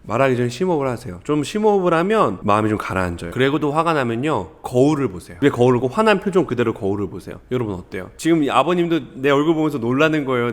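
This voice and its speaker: A man comments on parenting clips at a quick clip. He lectures the viewers directly and earnestly, and his pitch swings widely.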